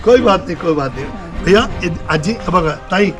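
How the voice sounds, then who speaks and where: Outdoors, a man with a high, animated voice performs street magic patter at normal speed. Chatty and showy, he teases and coaxes onlookers, all under loud background music.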